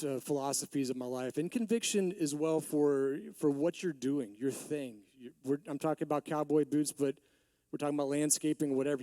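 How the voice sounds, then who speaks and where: A Texas business owner in his forties gives a rambling conference speech full of restarts. His mid-range voice is warm but a little hoarse from allergies, recorded with no echo.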